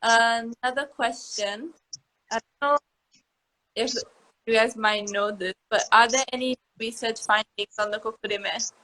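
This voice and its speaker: An upbeat woman with a bright, tense-edged voice hosts a live stream, reading questions from viewers. She keeps the session moving and her voice sits fairly high. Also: fairly even intonation, measured pace, poor audio. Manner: upbeat, moves things along. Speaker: live Q&A host.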